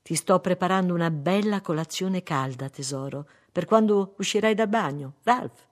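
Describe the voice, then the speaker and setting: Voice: medium pitch, moderate pace, voice pushed up, natural voice. A reader voicing an anxious adult wife who keeps pleading through a locked door in an audiobook. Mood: coaxing. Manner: pleading, insistent. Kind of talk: audiobook reading.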